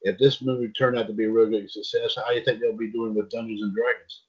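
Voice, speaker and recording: Reading pop culture headlines on his casual news podcast, this host trips over names. His voice is on the low side and husky, with little pitch movement and a quick pace. The recording sounds dull and lo-fi.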